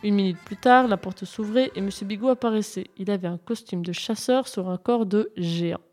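Woman calmly narrating a storybook. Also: medium pitch, a little fast. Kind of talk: audiobook narration. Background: faint music.

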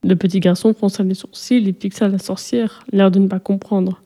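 A woman calmly narrating a fairy tale as a storyteller. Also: mid-range voice, moderate pace.

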